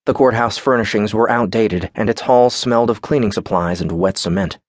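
A male audiobook narrator reading a novel in a measured, even way. His voice sits fairly low, and the recording is completely dry and close, with no room sound. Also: no echo. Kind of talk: scripted narration.

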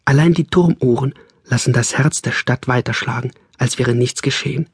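A man narrating a novel in a calm, measured storytelling manner, close on a studio mic. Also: medium pitch, breathy edge, no room sound. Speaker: audiobook narrator. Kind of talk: scripted narration.

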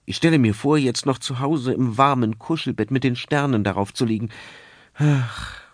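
A man narrating a children's audiobook in the first person, with expressive storytelling. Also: mid-range voice, moderate pace, no room sound, studio quality.

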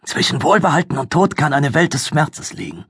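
A man voicing a captive younger sister who speaks softly and reassuringly in an audiobook. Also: on the high side, big pitch swings, fairly quick, slightly rough, dry recording, clean studio sound, voice pushed up, exaggerated voice.

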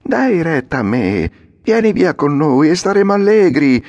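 A man's voice: on the high side, measured pace, dull audio, pitched above the performer's own voice, exaggerated voice. A man voicing a carefree, troublemaking boy who coaxes his friend along, in a storybook reading. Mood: coaxing. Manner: coaxing, lively.

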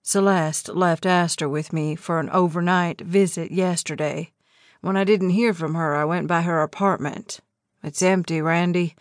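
A woman voicing a worried man, a father and fiancé, speaking low and urgently in a husky tone for an audiobook. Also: fairly even intonation, normal speed, no echo, lightly acted. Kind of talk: audiobook character voice. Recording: dry close studio sound.

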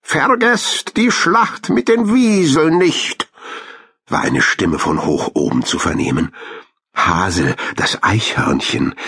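A man narrating a children's storybook in a lively, expressive way. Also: a bass voice, vocal fry, husky, no echo, clean studio sound. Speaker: audiobook narrator.

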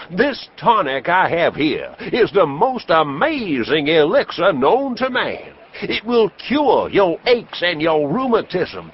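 A bombastic medicine-show huckster, acted by a man, pitched high and swooping with salesman's flourish. He declaims his folksy hard sell in audiobook style, on slightly dull, faintly noisy audio. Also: full character voice. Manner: declamatory, hard-selling, crowd-working. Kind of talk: audiobook character acting.

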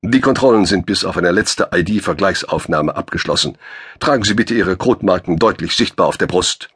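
A man's voice: sits low, moderate pace, fairly bright tone, slightly rough, no room sound, clean studio sound. A man doing a huffy security officer. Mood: indignant stiff. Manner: indignant, clipped officialese. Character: stiff, irritated male security officer.

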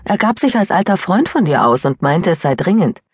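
Audiobook character: woman reading a curious young woman friend, prying and lively, husky and dry. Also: fairly low pitch, a little fast, no room sound, voice pushed up. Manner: eager, prying questions.

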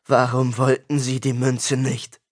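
Man doing a male sorcerer, desperate, furious, loud, shouting, audiobook figure. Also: lowish voice, expressive, slow pace, creaky, slightly rough, voice pushed down, exaggerated voice. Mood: demanding. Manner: shouting, anguished.

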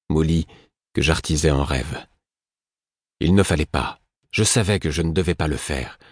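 Very deep-voiced male audiobook narrator. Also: no room sound, clean studio sound. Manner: measured, even storytelling. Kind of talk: scripted first-person narration.

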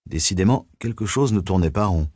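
A man narrating a thriller audiobook in a measured, suspenseful reading. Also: low-pitched, expressive, darkish tone, husky, no echo, studio quality.

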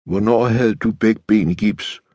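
A male audiobook narrator voicing a stubborn, sharp-tongued young woman tank sergeant, with curt, defiant retorts. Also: lowish voice, no echo, voice pushed up, lightly acted.

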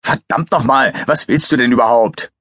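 A man's voice: sits low, animated, slow pace, no room sound, clean studio sound. A man voicing a grumpy male detective chief who answers in curt, irritated grumbles in an audiobook.

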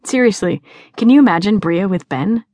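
A woman's voice: mid-range voice, lively intonation, moderate pace, dark tone, no echo, pitched above the performer's own voice, lightly acted. A woman voicing a wry, playful teenage girl photographer who teases her friends. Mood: teasing. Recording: dry studio.

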